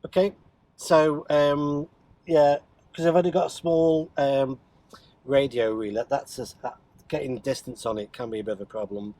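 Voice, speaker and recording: This radio hobbyist vlogger shows off CB radio gear from inside a car, chatting unscripted, hesitant, and thinking as he goes. His warm, mid-range voice moves at normal speed with fairly even intonation, while faint vehicle noise sits behind it.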